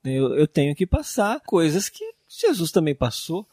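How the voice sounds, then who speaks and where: A man's voice: fairly high pitch, big pitch swings, measured pace, darkish tone, slightly rough, no room sound, studio quality. A Brazilian man talking earnestly about faith in a casual chat. He speaks reflectively and often draws out his words around fillers. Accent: Brazilian Portuguese.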